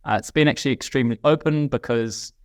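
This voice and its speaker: Kiwi guy chatting as an interview guest, smooth clear voice, thinks out loud, restarts a lot, very dry sound. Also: medium pitch, quick pace, no room sound. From New Zealand. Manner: thoughtful, reflective, with frequent restarts. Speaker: guest, company CEO. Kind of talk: casual interview chat.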